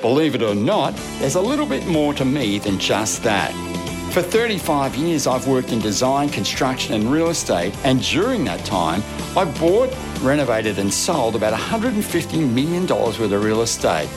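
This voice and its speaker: A middle-aged Australian man delivers a scripted podcast promo in a relaxed, chatty way. His pitch rises and falls a lot as he talks. Guitar music plays clearly behind him. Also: normal speed. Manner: easygoing, conversational. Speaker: podcast host.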